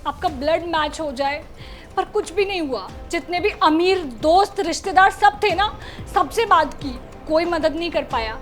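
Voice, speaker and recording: An actress playing a kind young daughter-in-law who tries to calm her mother-in-law and defends the maid. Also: extremely high pitch. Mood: indignant. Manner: soothing, pleading, later indignant. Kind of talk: short film acting. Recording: dialogue with loud background music.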